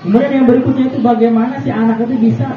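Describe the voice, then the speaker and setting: A man, giving a relaxed religious talk to a room of parents. He chats, chuckles and keeps putting questions to the listeners. The recording is dull and noisy, caught from some way off in a roomy, echoing space. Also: very high voice, rapid-fire, recorded from a distance. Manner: chatty, asks the audience questions, chuckles often. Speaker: preacher addressing parents. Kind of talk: casual religious talk to an audience.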